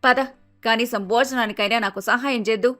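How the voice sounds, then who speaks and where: A woman's voice: fairly high pitch, fairly even intonation, a little fast, a bit bright, faint music behind, lightly acted. A woman voicing a bossy older mother-in-law in a cartoon story, scolding and domineering.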